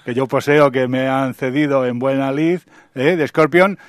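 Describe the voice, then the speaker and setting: A man's voice: mid-range voice, fairly even intonation, moderate pace, no room sound, studio quality. A man co-hosting a rock radio show, chatting about old records in a loose, rambling way and tagging his phrases with a questioning "eh". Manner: chatty, trails off and restarts, tags phrases with "¿eh?".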